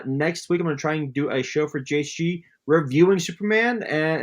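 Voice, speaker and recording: A man co-hosting a casual livestream, rambling and halting with lots of fillers. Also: mid-range voice, fairly bright tone. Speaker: co-host.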